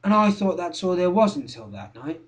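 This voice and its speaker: Speaking straight to the audience, an actor performs a dramatic monologue as a young skinhead haunted by his violent past, confiding yet obsessive, confrontational and repetitive, lurching between hushes and shouts. His voice is high with big pitch swings at a moderate pace. A distant mic picks him up in an echoey room.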